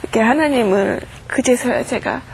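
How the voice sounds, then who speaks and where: Woman guest, middle-aged, slightly high voice; earnest storytelling testimony, faint background hum. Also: moderate pace, darkish tone. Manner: earnest storytelling, acts out quoted prayers and dialogue.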